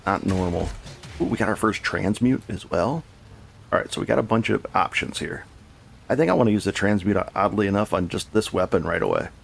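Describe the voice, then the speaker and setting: A man with a lowish, creaky voice streams a game live, chatting casually with viewers over slight background noise. He rambles and corrects himself as he talks.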